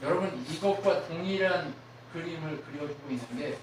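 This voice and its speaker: A man's voice: fairly high pitch, moderate pace, very echoey, distant mic, background noise. A man preaching a sermon as pastor, often asking the congregation questions and acting out the voices of people he quotes. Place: church sanctuary.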